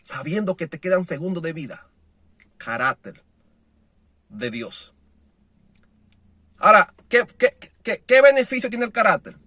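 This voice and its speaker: A man preaching with a high, bright, cutting voice, heard dry and close. He swings from forceful declarations to hushed, low lines and acts out the people in his stories. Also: big pitch swings, unhurried, pauses often, no room sound. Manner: impassioned, shifting from loud to soft, acting out quoted voices. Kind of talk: sermon.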